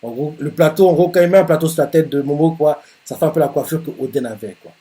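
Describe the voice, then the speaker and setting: Excitable man recapping a manga chapter. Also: fast talker. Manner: excitable retelling, laughs often, many fillers; jumps up high when joking. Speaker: manga reaction host.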